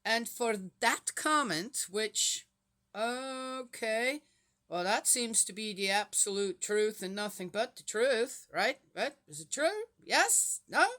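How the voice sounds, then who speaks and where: Speaking slowly in a fairly high, sharp voice with lively intonation, a Swiss vlogger in her sixties reads the Bible and chats casually. She wanders through her thoughts and keeps throwing rhetorical questions at her audience.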